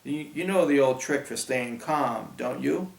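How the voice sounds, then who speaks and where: A man reading an audiobook, voicing a kindly, gentle father talking to his daughter. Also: medium pitch, unhurried, vocal fry, far from the mic. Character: kindly father of a young girl. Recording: roomy echo.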